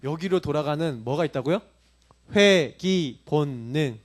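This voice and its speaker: A man's voice: on the high side, animated, unhurried. A male pastor preaching a sermon, asking the congregation many rhetorical questions.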